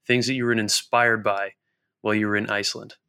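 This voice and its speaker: A man's voice: lowish voice, level tone, a little fast, creaky, sharp tone, clean tone. A man co-hosting a casual podcast, asking long, friendly questions. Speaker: podcast co-host.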